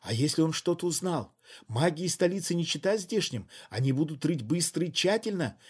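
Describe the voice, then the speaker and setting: A man voicing a hysterical, scheming middle-aged woman who shouts her accusations in a high, shrill voice. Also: lively intonation, brisk, slightly rough. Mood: anxious.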